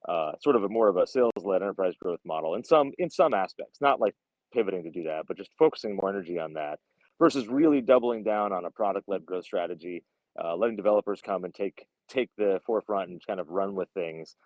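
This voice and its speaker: A man speaking as a startup founder on a video call. He thinks aloud quickly with fillers, and his microphone audio is clipping and distorted. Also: low voice, lively intonation, no echo. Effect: clipping, distorted mic audio. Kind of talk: casual video call discussion. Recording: dull lo-fi call audio, dry.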